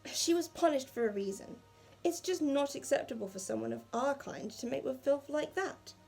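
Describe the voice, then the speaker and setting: Woman reading a smug schoolboy, sneering, taunting, slightly gravelly, soft music under. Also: sits high, lively intonation, moderate pace. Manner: taunting, superior.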